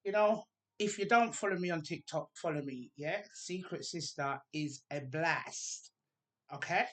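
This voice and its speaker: A woman's voice: low-pitched, unhurried, fairly bright tone. A woman from England hosting a casual podcast chat, talking straight to her followers and often checking in with "you understand?". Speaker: podcast host.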